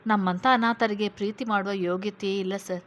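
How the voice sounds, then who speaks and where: A woman's voice: mid-range voice, steady tone, a little fast, close to an everyday voice. A woman voicing a grieving young orphaned woman who pleads tearfully with an officer, calling him sir.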